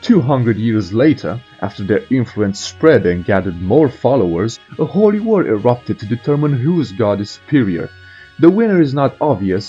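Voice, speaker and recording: Male game lore narrator, scripted storytelling, irreverent, highly varied pitch, husky dark tone, dull recording, soft background music. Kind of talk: scripted narration with joking asides. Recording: muffled voice over faint music.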